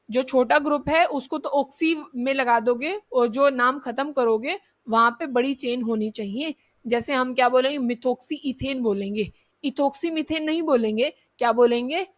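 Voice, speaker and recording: A woman's voice: high voice, fairly bright tone. A woman teaching an exam-prep chemistry lesson, explaining step by step and answering her own questions. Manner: explains step by step, keeps asking students questions and answering them herself; addresses students as kids, checks in with "theek hai".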